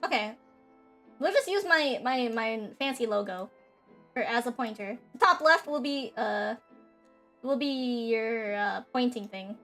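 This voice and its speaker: A woman's voice: on the high side, animated, a little slow, a bit bright. Rambling young woman streamer. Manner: rambling, lots of fillers. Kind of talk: casual stream chat. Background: faint background music.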